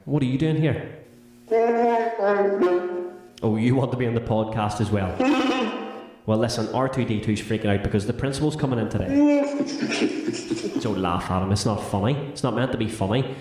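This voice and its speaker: A man hosting a school podcast in a scripted comedy sketch, with a brisk, teasing, chatty manner. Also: lowish voice, a little mellow, very echoey, faint music behind. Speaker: teacher and podcast host.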